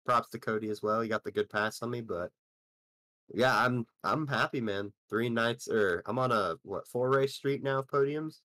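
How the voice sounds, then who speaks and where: A man driver giving a relaxed, halting post-race interview. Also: medium pitch, no room sound. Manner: relaxed, halting, plain-spoken. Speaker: sim racing driver interviewed after a race.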